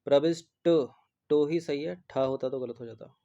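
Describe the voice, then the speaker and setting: Hindi exam tutor, dark, lo-fi. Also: male voice, mid-range voice, fairly quick, gravelly. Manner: repeats each word over and over and checks in with a constant "theek hai". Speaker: exam prep teacher. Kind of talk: spelling lesson, explaining answers. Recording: dull lo-fi recording.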